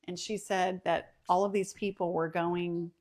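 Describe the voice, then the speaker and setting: A woman's voice: on the low side, flat delivery, a little slow, background noise. Chatty woman reading viewer comments. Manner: chatty, with many ums, reads comments aloud. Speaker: host of a home and kitchen channel. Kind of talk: casual livestream chat reading viewer comments. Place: at home.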